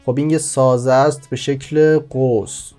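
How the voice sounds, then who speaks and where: A man's voice: medium pitch, steady tone, warm tone. Man, tutorial host, screen-recording voice-over, patient step-by-step explainer, faint music behind. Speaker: language-learning channel host.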